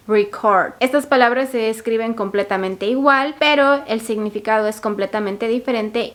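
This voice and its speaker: A woman from Ecuador, giving a casual online English lesson and patiently repeating example words slowly. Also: on the high side, fairly bright tone. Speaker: YouTube English teacher.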